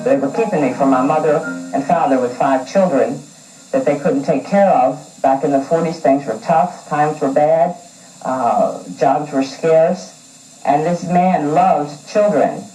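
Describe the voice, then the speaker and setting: A woman in her forties telling her own story in an interview, earnest and halting, with a distant echoey sound from an old TV broadcast. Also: low-pitched, dark tone, soft background music. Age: 40s. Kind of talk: emotional personal account.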